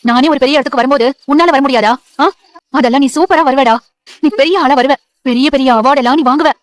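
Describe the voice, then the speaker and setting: Woman doing a soothing tv-serial mom cheering on her son, high voice, talks fast. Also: no echo, close to an everyday voice. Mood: tender. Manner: warm, reassuring, motherly. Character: loving, encouraging mother of a grown son. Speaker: mother. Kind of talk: TV serial acting.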